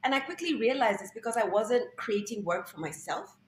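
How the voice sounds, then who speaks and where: A young Kenyan woman, a guest artist, tells the story of her work in a conversational interview over a video call from a bright indoor room. Her voice is a little high and brisk, reflective overall, and turns lively and animated when she quotes herself. The video-call audio is roomy, with faint room noise.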